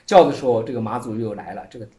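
In an echoey room, a Buddhist teacher delivers a Chan dharma talk, telling an old koan as a story while laughing often and using many filler words. His mid-range voice has a dark tone and races along.

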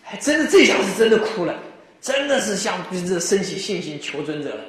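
A man giving a Buddhist dharma talk, telling stories in an animated way and often chuckling. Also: high voice, brisk. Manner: animated storytelling, frequent chuckles. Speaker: Buddhist teacher. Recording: very echoey room.

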